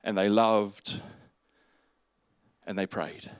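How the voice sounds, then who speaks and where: A man preaching a sermon in a conversational, halting way, with restarts and fillers. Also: fairly low pitch, steady tone, smooth, no echo, studio quality. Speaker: pastor.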